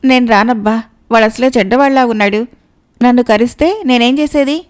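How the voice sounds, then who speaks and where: A woman's voice: on the high side, fairly quick, lightly acted. Comic storybook role: a scared man who grumbles and refuses, voiced by a woman storyteller. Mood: whiny. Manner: whiny and fearful. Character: timid, grumbling male porter.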